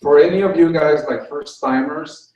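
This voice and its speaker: A man's voice: on the high side, normal speed, darkish tone, muffled recording. A middle-aged man giving an informal course lecture, peppering his sentences with "like" and "you know". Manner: says "like" and "you know" a lot. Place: indoor venue room with small stage. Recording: roomy echo, distant camera pickup.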